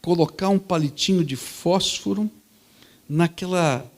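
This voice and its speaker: A man's voice: high voice, unhurried. Man preaching through a vivid story. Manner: vivid storytelling, swings between loud and soft. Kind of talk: storytelling sermon. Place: church.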